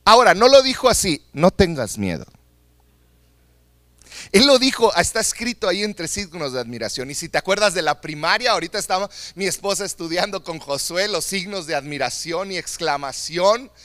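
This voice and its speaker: A man's voice: sits high, expressive, moderate pace, sharp tone, no room sound. A man preaching a sermon as a pastor, earnest and emphatic, repeating phrases for stress.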